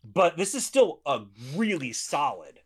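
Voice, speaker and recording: A man talking through a film in a casual review chat, sounding enthusiastic. His voice sits a bit high and moves around a lot in pitch. He often stumbles into a restart before going on. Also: sing-song, measured pace, slightly rough. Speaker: podcast co-host discussing a film.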